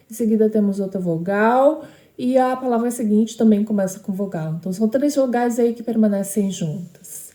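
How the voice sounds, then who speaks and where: A woman's voice: fairly high pitch, warm tone, echoey room. A woman teaching a lesson on poetic meter, explaining step by step and often checking in with short tag questions.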